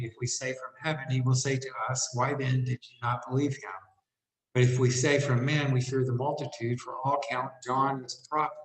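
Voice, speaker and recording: A man reading Bible chapters aloud in a steady, measured way, with short asides between passages. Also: mid-range voice. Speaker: scripture reader. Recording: roomy echo.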